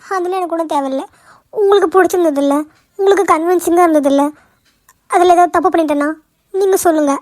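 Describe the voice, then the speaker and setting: A woman's voice: high-pitched, fairly even intonation, normal speed, pauses often, darkish tone, no echo, lightly acted. A woman voicing a tearful, anxious young woman employee in a cartoon, pleading for reassurance. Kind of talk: cartoon voice acting.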